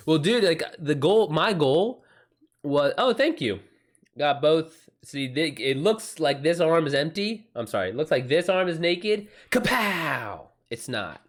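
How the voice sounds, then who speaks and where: He's a self-published author hosting a livestream, talking informally with an American accent, using slang, and responding out loud to viewers. His voice is on the high side with big pitch swings, and he speaks slowly.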